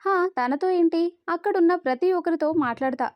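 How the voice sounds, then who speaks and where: Woman reader doing a friendly young groom, frank, high voice, storybook. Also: brisk, dry recording, lo-fi sound. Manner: cheerful, frank.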